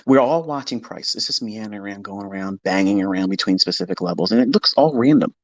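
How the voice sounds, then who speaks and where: A man's voice: on the low side, fast, no echo. A man teaching trading on a live stream, talking in a blunt, emphatic way and swearing freely. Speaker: trading educator. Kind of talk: unscripted live-stream lecture.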